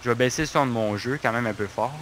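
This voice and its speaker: A man's voice: medium pitch, fast, fairly bright tone, a little hiss or hum. A man, casually chatting and joking while playing a game. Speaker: gamer co-host. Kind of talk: casual gameplay chat.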